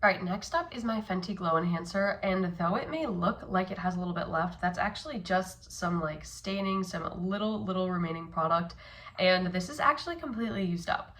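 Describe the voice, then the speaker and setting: A young beauty vlogger with a lowish, a bit bright, expressive voice talks a little fast. She chats casually and upbeat about her makeup while sick, filling her speech with plenty of likes and ums.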